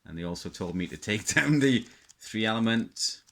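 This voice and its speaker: A low, creaky, fairly bright male voice with lively intonation speaks at normal speed. This middle-aged South Welsh radio hobbyist gives an off-the-cuff show-and-tell, hesitant and full of rambling memories.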